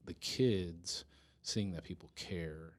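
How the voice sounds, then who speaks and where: A man's voice: low voice, slow. A man speaking as a police department's chief of staff in a casual podcast interview, earnest, with frequent restarts and easy laughter.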